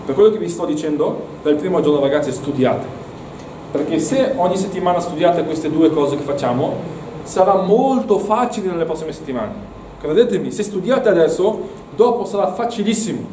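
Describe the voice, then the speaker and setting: A man's voice: a little high, background noise. Man teaching a class in an echoey room. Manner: encouraging, repeats words for students. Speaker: Arabic teacher. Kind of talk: classroom lesson. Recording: echoey room, mic far off.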